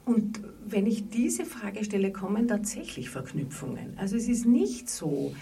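A woman's voice: medium pitch, very animated, measured pace, dark tone. A middle-aged woman psychotherapist, speaking thoughtfully and hesitantly, with many fillers, in a radio interview. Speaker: psychotherapist in private practice. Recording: distant mic with faint background noise.

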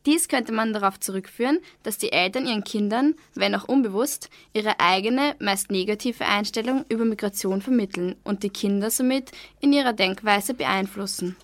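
A woman's voice: mid-range voice, normal speed, hardly any pauses, no echo. A young woman, a trainee kindergarten teacher, carefully reading prepared answers in a radio interview. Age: young adult.

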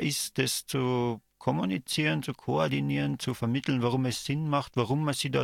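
A man answering interview questions in a thoughtful, halting way, searching for his words. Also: mid-range voice, creaky, fairly bright tone, no echo, clean studio sound. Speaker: interview guest, artist. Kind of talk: reflective interview talk.

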